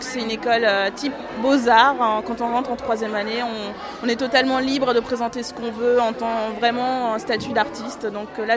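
A young woman in her twenties, an artist and photographer, answers questions in a casual radio interview. Her voice is a little high, and she uses many fillers and laughs easily.

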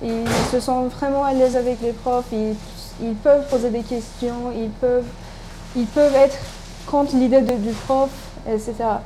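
Speaking at normal speed in a warm, steady tone, a fairly high-pitched woman from Turkey answers interview questions. She's a doctoral student in her thirties and a native Turkish speaker whose replies are casual, hesitant, and dotted with fillers and restarts, captured in a low-quality recording with background noise.

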